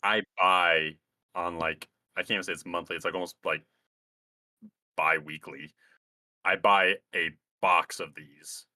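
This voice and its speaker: Male podcast co-host, very deep but bright and punchy, crude rambling humor, dry mic. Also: steady tone, a little slow, long pauses, dry recording. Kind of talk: casual podcast banter.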